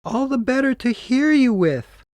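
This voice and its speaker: Man doing a sly wolf in a falsetto granny voice. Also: big pitch swings, moderate pace, a little mellow, no echo. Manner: high, thin, coaxing. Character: sly male wolf faking a frail granny voice.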